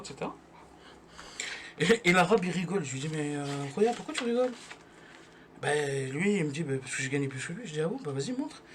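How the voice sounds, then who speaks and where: A man's voice: fairly high pitch, slight background noise. A young man doing a stand-up comedy monologue at home, telling a rambling slangy story full of restarts.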